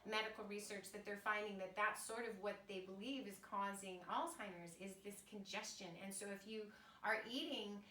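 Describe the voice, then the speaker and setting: A woman's voice: mid-range voice, moderate pace, pushed and bright. Chatty woman in her fifties, echoey room. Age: 50s. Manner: chatty, enthusiastic, rambling. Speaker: podcast host. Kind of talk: casual interview chat. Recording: echoey room, distant mic, faint noise.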